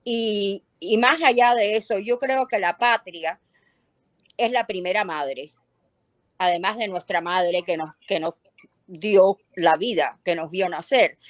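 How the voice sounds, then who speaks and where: A woman's voice: medium pitch, no echo. An older woman from Cuba, speaking earnestly and with conviction as an interview guest on a video call. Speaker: activist guest.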